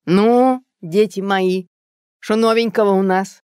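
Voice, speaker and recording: A sly, purring older boss talks in a folksy drawl, put on by a woman narrating a storybook. His voice carries a bit loud. The recording is dry. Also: medium pitch, fairly even intonation, slow pace, clear, resonant tone, no echo, voice pushed up, natural voice.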